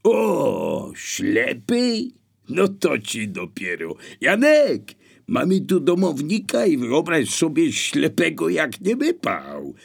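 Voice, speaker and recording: A man voicing a rough, bullying male burglar who talks in a brash, mocking and threatening way. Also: fairly low pitch, big pitch swings, slow pace, a little mellow, pitched above the performer's own voice, heavily acted.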